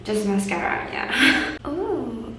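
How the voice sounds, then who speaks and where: A tired woman vlogs from the floor of her room, rambling and teasing herself in a high voice. She speaks slowly, with a lot of echo bouncing around the room and a faint background hiss. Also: very animated. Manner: rambling, self-deprecating, talks to herself. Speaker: beauty vlogger. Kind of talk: casual chat while doing makeup. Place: room at home, sitting on the floor. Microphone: camera in front of her. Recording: very echoey room.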